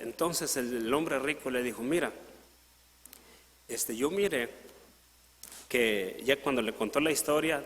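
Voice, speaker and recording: A man's voice: mid-range voice, in a large hall. A man preaching a sermon in Latin American Spanish, retelling a parable and briefly voicing its characters. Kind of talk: sermon storytelling. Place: church.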